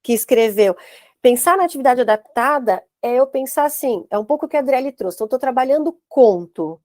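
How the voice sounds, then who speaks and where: A woman's voice: sits high, animated, a little fast, a little mellow, no echo, clean studio sound. A Brazilian woman running an online course for teachers, explaining step by step on a video call. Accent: Brazilian Portuguese. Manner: explanatory, uses many "né?" tags. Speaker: course instructor.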